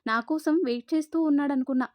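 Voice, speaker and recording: Teasing young city man, blunt, woman reading as him in a high, light voice, dry close sound. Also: fast, dry recording, lightly acted.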